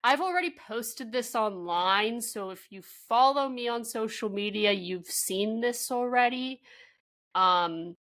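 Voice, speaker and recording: A woman's voice: on the high side, takes it slowly, a bit bright. A woman co-hosting a podcast in casual chat, easygoing and laughing often. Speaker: podcast co-host.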